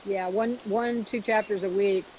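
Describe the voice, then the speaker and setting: A middle-aged woman chatting casually, haltingly searching for her words. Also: medium pitch, steady tone, darkish tone, a little hiss or hum, low-quality recording. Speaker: streamer's mother and guest. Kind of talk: casual chat.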